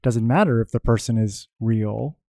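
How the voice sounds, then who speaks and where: A man's voice: medium pitch, normal speed, creaky, warm tone, no echo. Male co-host, dry close sound. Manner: loose, lots of 'like' and restarts. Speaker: podcast co-host. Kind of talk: casual podcast chat.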